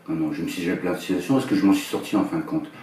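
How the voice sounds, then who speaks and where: A man in his fifties from northern France, a musician and songwriter, answering interview questions in a quiet, low-key voice that trails off. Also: steady tone, very fast, slight background noise. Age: 50s. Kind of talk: soft-spoken interview answers. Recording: echoey room, heard from a distance, guitar music behind.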